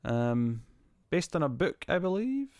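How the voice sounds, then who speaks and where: A man's voice: fairly high pitch, measured pace, dry recording, clean studio sound. A man hosting a live stream, chatting casually with viewers in a rambling way full of fillers, his voice heavily compressed on the mic. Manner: rambling, loose, with many fillers and restarts. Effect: heavily compressed mic, even level. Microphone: desk mic with compressor.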